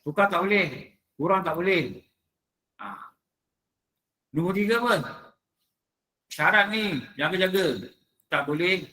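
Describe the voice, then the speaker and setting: A man's voice: high voice, takes it slowly, pauses often, pushed and bright. A man teaching prayer recitation in a mosque lecture, drilling rules in short emphatic phrases and quizzing his listeners with rhetorical questions. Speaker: religious teacher. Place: prayer hall.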